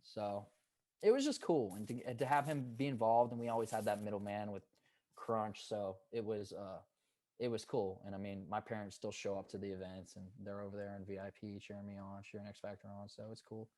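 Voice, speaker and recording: A young man in his twenties talks on a podcast in a low, easygoing register. He tells his stories earnestly and gets hyped up now and then. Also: steady tone, dark tone, no echo. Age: 20s. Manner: upbeat and hyped, drawn-out earnest storytelling. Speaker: guest, pro paintball player. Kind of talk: casual podcast interview.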